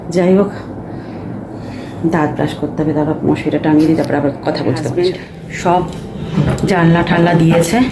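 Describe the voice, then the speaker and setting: Home vlogger, woman, casual soft chat into a handheld phone, echoey room, background noise. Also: deep voice. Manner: speaks softly at night so as not to wake family. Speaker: vlogger, mother of two daughters. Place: home, bedroom and kitchen.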